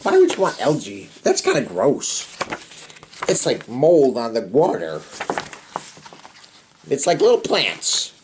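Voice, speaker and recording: As host of a children's read-aloud show, a man tells a picture-book story expressively, adding playful, chatty asides for young listeners. His medium-pitched voice swings hugely in pitch, moving slowly with long pauses over background noise.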